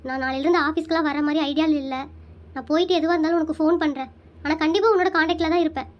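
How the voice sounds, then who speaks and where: Heartbroken young woman, soft and subdued, very high voice, performer-voiced for a cartoon. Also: fairly even intonation, rapid-fire, dull audio, close to an everyday voice. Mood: sad.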